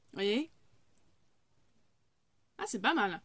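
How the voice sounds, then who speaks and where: A woman's voice: medium pitch, expressive, very slow, fairly bright tone, dry recording. A woman in her thirties chatting casually through a haul video, with many fillers and restarts. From France. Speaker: haul vlogger.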